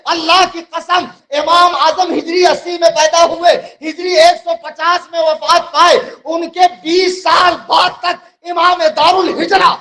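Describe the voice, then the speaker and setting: A man preaching with a Mumbai accent and an unusually high, piercing voice, shouting and mocking his rivals at a live gathering. The sound rings with a strong echo around him. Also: flat delivery, unhurried, hardly any pauses. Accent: Mumbai Hindi. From India. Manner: fiery, shouting, mocking polemics. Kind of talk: fiery sermon. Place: religious gathering, live event.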